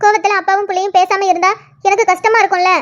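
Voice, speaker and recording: A woman doing a sly, shrill scheming aunt. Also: level tone, muffled recording. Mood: defensive. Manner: sly, self-pitying, quick. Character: scheming middle-aged aunt, defensive and sly. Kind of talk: cartoon voice acting.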